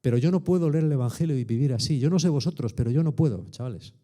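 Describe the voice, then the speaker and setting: A man's voice: mid-range voice, lively intonation, quick pace, warm tone. A man in his sixties with a Spanish accent preaching a sermon in a colloquial, emphatic way, full of rhetorical tags. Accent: Spain Spanish. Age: 60s.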